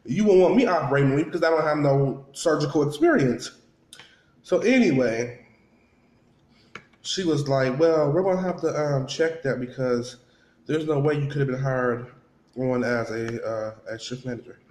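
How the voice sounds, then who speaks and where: A man's voice: mid-range voice, moderate pace, darkish tone. A man telling a casual story to viewers while eating, chewing between phrases and acting out what people said in a conversational way. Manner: conversational, acts out reported dialogue, repeats for emphasis. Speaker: vlogger. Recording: roomy, echoing sound.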